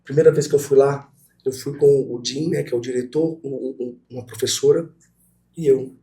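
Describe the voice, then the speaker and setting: Talking at a moderate pace in a mid-range voice, this middle-aged man with a Brazilian Portuguese accent is a guest professor. He's animated, sharing stories in a conversational interview and speaking straight to the students.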